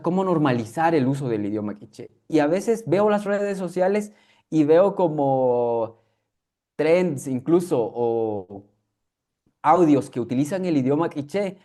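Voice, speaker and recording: A young Guatemalan man, a native K'iche' speaker, talks reflectively as a guest in a conversational interview, his Spanish shaped by a K'iche' accent and full of fillers and restarts. His voice is on the high side and mellow, with lively intonation and an unhurried pace.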